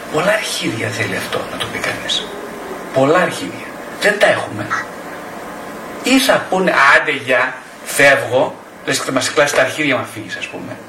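A middle-aged man, a psychotherapist, lecturing a group in a blunt, animated way with some swearing. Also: a little high. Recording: echoey room, distant mic, noisy.

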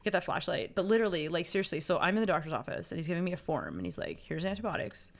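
Brief: young adult woman, fairly low voice, animated, foul-mouthed storyteller, casual podcast chat. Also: very fast, vocal fry. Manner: animated, profane, acts out voices in her stories. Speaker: podcast co-host.

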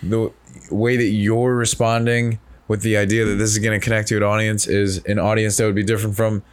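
Brief: male podcast host, lower pitch, casual and rambling. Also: level tone, fairly quick. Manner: rambling, reflective, many restarts. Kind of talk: casual chat.

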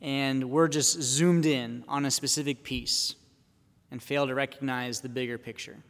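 A man, a priest, giving a Sunday homily at a pulpit microphone in a church, speaking in a measured way and posing questions to the congregation. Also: mid-range voice, fairly even intonation, fairly bright tone. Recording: long church reverb.

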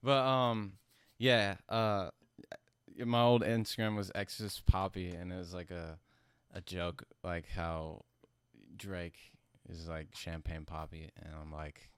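A man who sounds high, talking casually about his music in a rambling, slangy, profane stoner manner. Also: little pitch movement, slow, smooth, dry recording. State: high from smoking. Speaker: musician being interviewed about own album. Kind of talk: casual chat.

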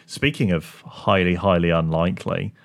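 A man's voice: sits low, fairly even intonation, moderate pace, creaky. A man co-hosting a podcast, chatting casually and rambling through tangents with self-mocking jokes. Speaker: podcast co-host. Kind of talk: casual chat.

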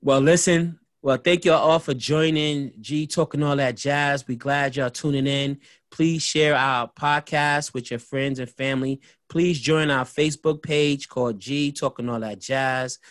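A man's voice: medium pitch, measured pace, no echo. A middle-aged man, a podcast co-host telling a personal story with lots of "you know" fillers. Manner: animated storyteller, acts out quoted voices, many "you know" fillers. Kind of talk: storytelling chat.

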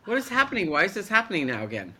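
A woman's voice: mid-range voice, huge pitch swings, racing, bright, forceful tone, breathy edge. A woman co-hosting a podcast over a video call, teasing and joking with casual swearing. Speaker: podcast co-host. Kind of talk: casual chat.

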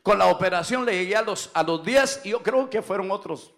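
With a creaky voice that sits high and runs a little fast, a middle-aged man delivers a shouted Pentecostal sermon as pastor, slipping "aleluya" and "hermano" into the gaps between phrases.

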